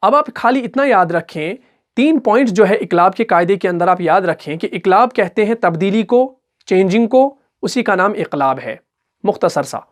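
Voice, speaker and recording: A man with an Urdu-speaking accent teaching Quran recitation rules step by step, asking questions and answering them himself, and chanting example words slowly with drawn-out syllables. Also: high-pitched, expressive. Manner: patient, repeats each example slowly. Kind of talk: step-by-step tajweed lesson.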